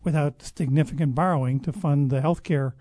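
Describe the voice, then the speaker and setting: A man with a mellow voice that sits a little high talks through his views in a measured, explanatory way. He often stops and restarts his sentences. The sound is dry and close. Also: no room sound. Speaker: guest expert on public health. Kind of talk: conversational interview answers.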